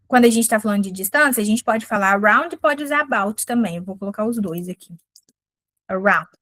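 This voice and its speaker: A woman with a Brazilian Portuguese accent teaching an English lesson, patiently explaining and saying English example phrases slowly and clearly. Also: medium pitch, fairly bright tone, dry recording.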